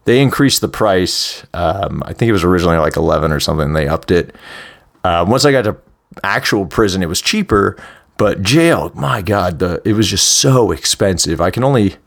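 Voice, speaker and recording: A man's voice: sits low, lively intonation, normal speed, vocal fry. A young man hosting a podcast, telling first-person stories in a candid, rambling, conversational way with many fillers. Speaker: podcast host.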